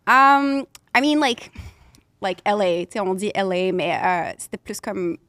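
A woman playing a rich young Los Angeles influencer and DJ who speaks halting French with an American accent, dropping English words and valley-girl fillers. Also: medium pitch, animated, a bit bright, dry recording. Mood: breezy. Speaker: guest. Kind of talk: improvised comedy interview.

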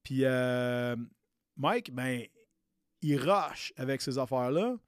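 A man's voice: mid-range voice, animated, slow pace, clean tone, no echo, studio quality. A man in his late thirties with a Québécois accent, a personal trainer telling a story in a loose, chatty way, slipping English slang into his talk. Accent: Québécois French. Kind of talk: casual storytelling podcast.

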